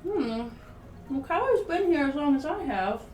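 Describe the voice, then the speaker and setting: A woman's voice: sits high, big pitch swings, moderate pace, darkish tone, far from the mic. A woman doing a prim, singsong cat princess. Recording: roomy, from the mic, faint music.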